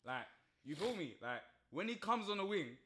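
A man's voice: sits high, sing-song, moderate pace, a bit bright, a little hiss or hum. A man with a London roadman accent, full of street slang, bantering and telling stories emphatically. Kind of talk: casual banter and storytelling.

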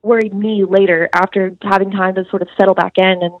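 A young American student recounts a detailed story in an interview, earnest in intent and casual with fillers, yet her mid-range voice comes out flat and brisk. The recording is dry, dull and muffled.

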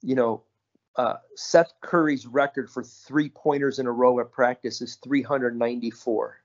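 A man co-hosting a casual podcast, telling relaxed stories with lots of "you know" and "right?". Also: medium pitch, moderate pace, dull audio. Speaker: podcast co-host.

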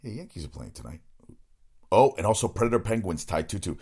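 Low-voiced man rambling through sports talk. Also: very animated, brisk, mellow, husky. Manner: rambling, swears freely, jumps between topics. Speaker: sports podcast host. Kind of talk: casual solo sports talk.

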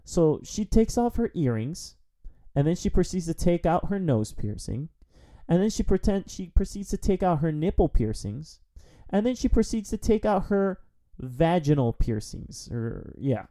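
A man's voice: a little high, big pitch swings, normal speed, warm tone. A man hosting a film review podcast, recapping a plot in a rambling, wry, casual way. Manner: rambling, wry, with frequent fillers.

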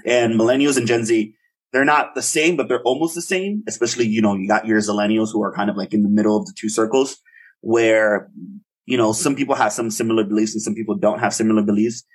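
A man's voice: on the low side, steady tone, fast, breathy edge. A young man co-hosting a casual podcast chat, talking in a hesitant, rambling way with many fillers and restarts. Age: young adult. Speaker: podcast co-host.

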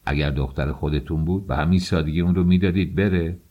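A man's voice: low voice, muffled recording. A man voicing a furious, indignant father. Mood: bitter. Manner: shouting, indignant outbursts. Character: enraged middle-aged father defending family honor. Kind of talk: audiobook character voice.

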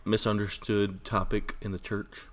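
A man's voice: fairly low pitch, little pitch movement, moderate pace. A man co-hosting a podcast in casual conversation, recorded in an echoey church sanctuary. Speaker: podcast co-host. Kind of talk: casual chat.

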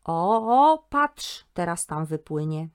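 A woman voicing an excited little boy of about five in a storybook reading, with a high, squealing voice. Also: slow pace.

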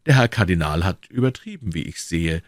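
Man reading as a gruff commanding captain, lowish voice, dry close sound. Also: expressive, a little fast, no room sound. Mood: stern. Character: stern older captain of the guard, commanding.

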